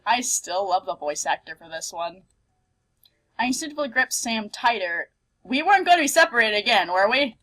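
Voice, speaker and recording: Expressive, higher-pitched woman gamer. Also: normal speed, rough recording. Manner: expressive, giggly, playful. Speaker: let's play host. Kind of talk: game commentary and reading on-screen text aloud.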